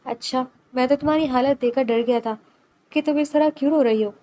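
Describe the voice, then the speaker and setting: A woman's voice: sits high, warm tone, slight background noise, natural voice. A woman reading the part of a protective young man who teases and reassures, in a storybook reading. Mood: soft.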